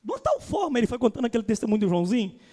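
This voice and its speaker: A man's voice: very high-pitched, very animated, very fast, mellow. A Brazilian man, a pastor, preaching a sermon with a Brazilian Portuguese accent and big dramatic swings in his voice.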